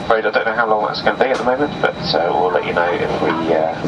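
Deep-voiced male pilot on a noisy cabin PA. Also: lo-fi sound. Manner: hesitant, pausing often mid-sentence. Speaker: airline first officer. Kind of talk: informal pilot's cabin announcement. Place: aircraft flight deck, over PA. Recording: distant cockpit PA, loud aircraft noise.

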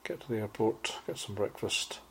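A man's voice: fairly low pitch, steady tone, normal speed, fairly bright tone, slight background noise, poor audio. A man talking casually about his journey as a travel vlogger. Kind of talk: casual travel vlog talk.

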